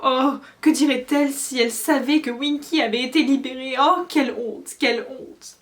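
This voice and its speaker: A woman voicing a tearful, servile female house-elf in a squeaky, wailing voice. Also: fairly even intonation, normal speed, lightly acted.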